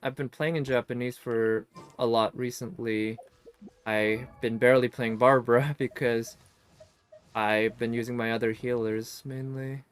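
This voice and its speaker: A man talks through his gameplay on a live stream, musing and picking apart details as he goes. His voice sits at an average pitch, casual and unhurried in tone. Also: steady tone, smooth. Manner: musing, analytical.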